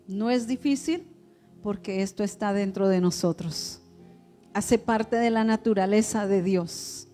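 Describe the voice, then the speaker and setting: A woman's voice: medium pitch, mellow. A woman pastor, preaching a sermon in a conversational way, with rhetorical questions to the congregation.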